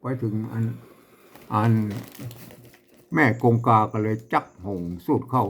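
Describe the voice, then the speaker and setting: A man teaching Lanna language, who chants verse lines high and loud, then explains them softly with small laughs. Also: takes it slowly, vocal fry, a little hiss or hum. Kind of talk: reading and explaining a verse text.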